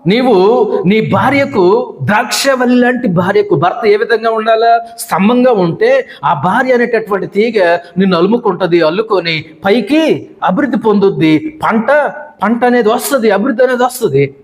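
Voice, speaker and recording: Man, middle-aged pastor, high voice, emphatic sermon, repetitive lists. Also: moderate pace. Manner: emphatic preaching with long repeated lists and quoted voices of wives.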